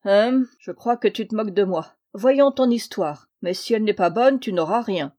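A woman reading the lines of a rich, stingy older landowner uncle in an audiobook, with a dry, gruff and teasing manner. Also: mid-range voice, moderate pace, a little mellow, close to an everyday voice.

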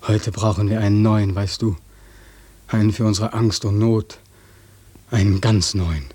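A man's voice: on the low side, steady tone, measured pace, dark tone, breathy edge, dry recording. An actor playing a bitter young war veteran who accuses God and mocks people while dreaming of his own death. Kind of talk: radio play acting.

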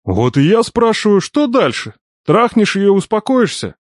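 A man's voice: sits high, very animated, measured pace, no room sound, studio quality, voice pushed up, exaggerated voice. A man doing a nosy, needling old uncle. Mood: teasing. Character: probing teasing older uncle, shrewd, wry.

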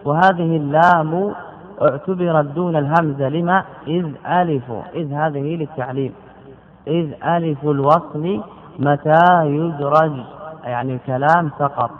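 A man giving a classical Arabic grammar lesson, drilling word forms by repeating them slowly and putting questions to his students. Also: on the high side. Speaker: grammar teacher. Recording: tinny phone-like lecture recording.

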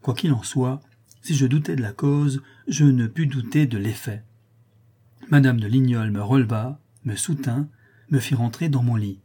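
A man narrating a classic novel as an audiobook reader, in a measured, expressive way. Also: medium pitch, breathy edge.

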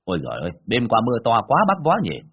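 A man voicing a loud, hearty middle-aged neighbour man in a told story. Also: on the low side, huge pitch swings, very fast, slightly rough, phone-quality sound, heavily acted. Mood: hearty greeting.

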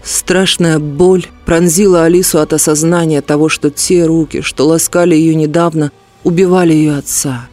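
A man narrating an audiobook in an even, expressive storytelling manner. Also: on the high side, moderate pace, soft background music. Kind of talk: scripted narration.

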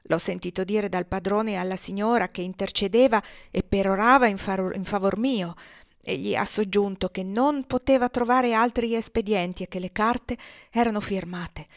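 A woman's voice: mid-range voice, moderate pace, dry recording, clean studio sound, lightly acted. A woman doing a desperate runaway young mother. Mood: pleading. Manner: earnest, pleading, raised voice.

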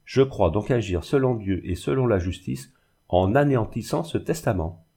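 A man voicing a firm, generous young woman in an audiobook, calm and soft-spoken. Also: fairly low pitch, moderate pace, husky. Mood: resolute.

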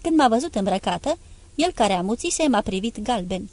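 A woman's voice: fairly high pitch, expressive, darkish tone, no room sound. A woman reading a novel aloud in the first person, in a conversational, confiding storytelling manner. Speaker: audiobook reader.

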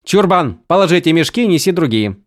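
A man's voice: on the high side, big pitch swings, brisk, no room sound, clean studio sound, pitched above the performer's own voice. Brief: man playing a stocky, bossy woman mercenary, blunt and grumbling. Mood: brusque.

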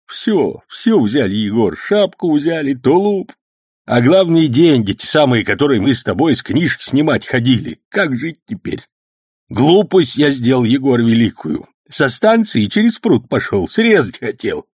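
A man voicing an excitable, quarrelsome old village man who talks in a shrill, whining, indignant way. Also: measured pace, husky, no echo, studio quality. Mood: lamenting.

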